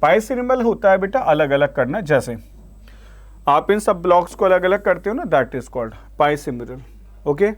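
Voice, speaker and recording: A man's voice: high-pitched, lively intonation. Indian man teaching vocabulary. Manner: calls students "beta", reads English examples slowly then explains. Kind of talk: vocabulary lesson.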